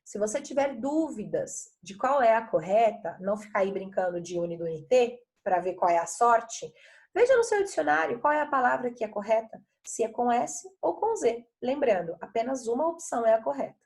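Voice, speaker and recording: A woman's voice: fairly high pitch, sing-song, normal speed, darkish tone. A middle-aged woman teacher from Brazil walking pupils through workbook exercises in a video lesson, patient and chatty, often checking that they follow.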